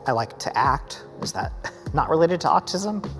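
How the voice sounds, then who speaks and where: A man in his late thirties speaking in a documentary clip, halting often with fillers as he thinks. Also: on the high side, lively intonation, in a large hall, over music. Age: 30s. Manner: halting, many pauses and fillers.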